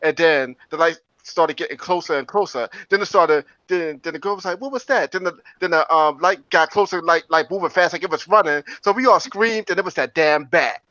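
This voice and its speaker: A man telling a story in an animated way, with many stammering restarts. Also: on the high side, a little fast, hardly any pauses, no room sound. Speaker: paranormal investigator. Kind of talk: casual storytelling. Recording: dull dry close sound.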